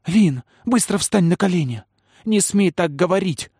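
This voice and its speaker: A man's voice: a little high, brisk, slightly rough, no echo, clean studio sound, voice pushed up. A man voicing a stern mother who sharply orders her son about. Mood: scolding. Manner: sharp commanding.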